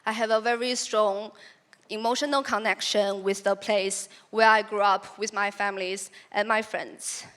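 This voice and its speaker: A woman's voice: mid-range voice, a bit bright. A young woman from China, a native Chinese speaker, giving a prepared talk about her photography in an earnest, reflective way with occasional restarts.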